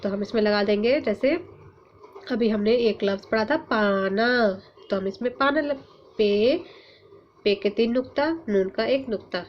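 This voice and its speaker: A woman teacher leading an online class for young pupils, drawing out letters and words slowly and asking coaxing questions. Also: fairly high pitch. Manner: slow, drawn-out sounding of letters and words; patient, coaxing questions to children. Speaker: Urdu teacher. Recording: muffled lo-fi sound, faint hum.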